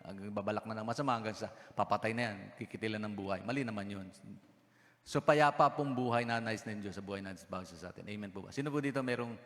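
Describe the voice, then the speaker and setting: Fast-talking pastor preaching in a reverberant hall. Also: male voice, lowish voice, a bit bright. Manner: mixes English phrases into Tagalog, asks the congregation questions. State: has a cough. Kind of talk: sermon. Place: church hall. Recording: long church hall reverb.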